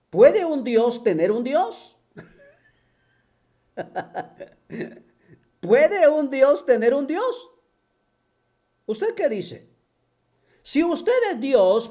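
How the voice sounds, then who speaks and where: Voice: mid-range voice, warm tone. A speaker giving a mocking monologue, firing taunting rhetorical questions over and over with scornful chuckles. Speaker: online religion critic.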